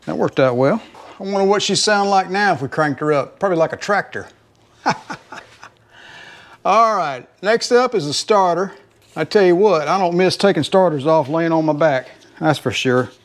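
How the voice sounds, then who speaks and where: Working beneath a car in his home garage, this Southern-accented, middle-aged host talks his channel's audience through the job at a moderate pace. His voice is high, and his narration is relaxed and wandering, addressing viewers like folks.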